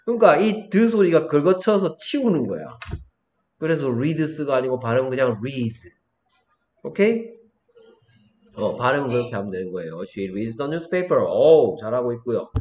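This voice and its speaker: A man's voice: mid-range voice, expressive, normal speed, darkish tone. Coaxing male tutor, roomy sound. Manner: coaxing teacher, many check questions. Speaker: English tutor. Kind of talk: one-on-one English lesson in Korean.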